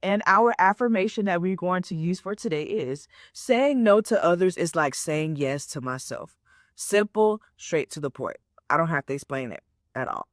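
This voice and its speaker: Her lowish voice is expressive and moderately paced as she hosts her own motivational podcast. This twenty-something life coach talks in a relaxed way, often asking "right?" or "okay?", and says key points more than once. The recording is dry with clean studio sound.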